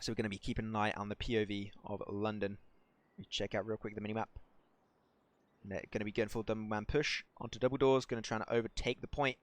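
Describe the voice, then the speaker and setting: A man casting a live mobile shooter match, excitable and rising to near shouts on big plays while chatting to viewers. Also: lowish voice, quick pace, dry recording. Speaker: esports caster. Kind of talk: live game commentary.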